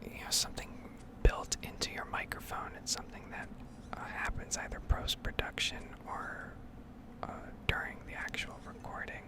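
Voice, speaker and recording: Speaking at a normal speed, a woman rambles casually and haltingly in a heavy, breathy whisper near the microphone, in the style of an ASMR gameplay video. The recording quality is low.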